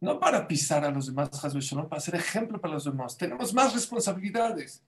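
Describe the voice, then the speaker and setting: Animated storytelling rabbi, a man. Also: fairly high pitch, quick pace. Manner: storytelling, animated, acts out quotes; addresses audience with questions. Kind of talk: Torah sermon.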